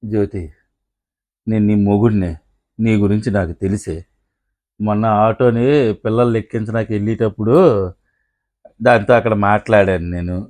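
A man's voice: fairly low pitch, steady tone, moderate pace, pauses often. A middle-aged man playing a husband in a scripted comedy sketch, scolding his wife and grumbling to himself. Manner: shouting and scolding, then muttering to himself.

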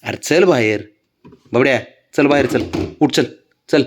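A man's voice: medium pitch, unhurried. A man talking to his pet cat at home, coaxing it in a sing-song, pet-talk way. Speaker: pet owner.

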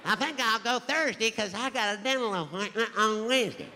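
A comedian voicing an easygoing Alabama local man with a slow, wide-open drawl and an Alabama accent. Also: sits high, animated, bright, forceful tone, a little hiss or hum, full character voice, low-quality recording. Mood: folksy.

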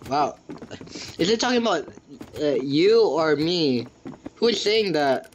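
Slow-talking young man gaming. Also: fairly high pitch, lively intonation, highs cut off. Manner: slow-paced, puzzled, exclaiming at the game. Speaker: gamer. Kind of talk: casual gameplay chat. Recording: faint background noise.

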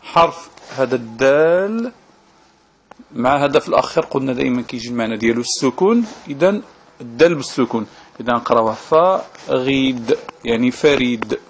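A man with a Moroccan Arabic accent teaching reading step by step, slow and patient, often checking that the listener follows. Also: mid-range voice, lively intonation, a little hiss or hum. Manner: slow, patient, checks understanding with tag questions. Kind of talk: at-home teaching video.

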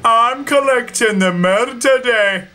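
A man's voice: sits high, measured pace, sharp tone, voice pushed up. A man voicing a boastful, brash male toy train engine in a cartoonish parody.

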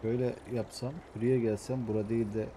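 A man with a Samsun accent, an adult with young kids, giving hushed, muttering commentary over a farming game, as his channel's host. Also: mid-range voice, little pitch movement, fast talker, background noise. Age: adult with young children. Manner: talks quietly, mutters to himself. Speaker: gaming YouTuber.

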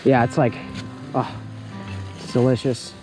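A young man, a foraging instructor, leads a class on an outdoor teaching walk through a forest and later in a wooden lodge hall, chatting casually and laughing often. His voice is medium-pitched and level, a little slow, heard over music in poor audio.

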